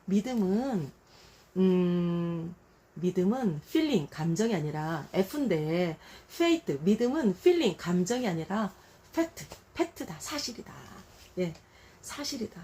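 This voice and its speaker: A middle-aged woman preacher giving a devotional Bible talk, conversational and full of rhetorical questions, acting out quotes in a raised voice. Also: mid-range voice. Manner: animated, acts out quotes in a raised voice.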